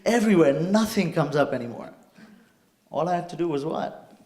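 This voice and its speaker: A man's voice: a little high, animated, moderate pace, darkish tone, reverberant, a little hiss or hum. A man from India telling a suspenseful personal story to a live audience, acting it out with sound effects. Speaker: speaker. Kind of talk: storytelling talk on stage. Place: stage before a live audience.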